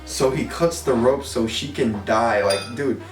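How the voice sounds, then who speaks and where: A man's voice: mid-range voice, unhurried. Drunk male storyteller, casual and crude, repeats himself, recorded in a roomy space. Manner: drunk, rambling with repeated words; crude, slangy, quoting characters. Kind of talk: casual comedic movie retelling. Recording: roomy, distant mic, faint music.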